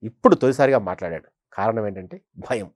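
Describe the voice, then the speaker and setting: Talking fast with lively intonation, this emphatic political analyst and senior journalist has a lowish voice. His commentary is conversational and politically focused, and he hammers points home by repeating phrases, all in a dry-sounding recording.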